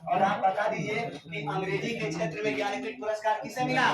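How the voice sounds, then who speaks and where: Male coaching teacher, high voice, drills answers by repetition; recorded from a distance over loud classroom chatter. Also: fairly even intonation, brisk. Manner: repeats each question and answer, drilling the class; keeps telling the class to stay quiet. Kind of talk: classroom lecture with call-and-response quizzing. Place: classroom full of students. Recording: echoey classroom, mic far off, chatter.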